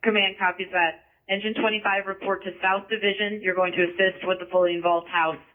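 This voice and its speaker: Male incident commander, high-pitched, urgent and procedural firefighter radio calls through a thin scanner channel. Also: flat delivery, a little fast. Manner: clipped, procedural. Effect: two-way radio. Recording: tinny, narrow-band radio scanner feed.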